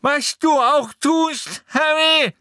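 A stubborn, clumsy teenage boy with a bloody nose speaks high and strained, stretching his words slowly and pleadingly. His voice sits far above the reader's own. The sound is close and dry. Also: bright, forceful tone, no echo, heavily acted. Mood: angry.

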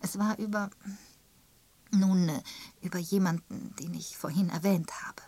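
A woman's voice: on the low side, steady tone, a little slow, mellow, no room sound. Woman reading as a mild elderly spinster. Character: elderly gentle spinster sleuth, tactful. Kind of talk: audiobook character voice.

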